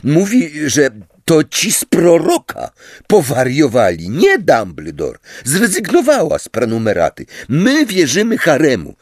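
An earnest, timid teenage boy, as a man reads him in a storybook. His voice is lifted and steady, and the recording is close and dry. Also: fairly high pitch, measured pace, no room sound, pitched above the performer's own voice, full character voice. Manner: earnest, declaring.

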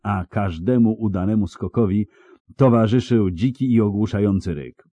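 A man narrating an audiobook in a steady storytelling delivery. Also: on the low side, moderate pace, dry recording. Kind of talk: scripted narration.

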